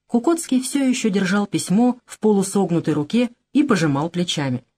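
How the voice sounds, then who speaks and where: A woman narrating an audiobook in an expressive reading style. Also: medium pitch, a little fast. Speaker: audiobook reader. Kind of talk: scripted narration.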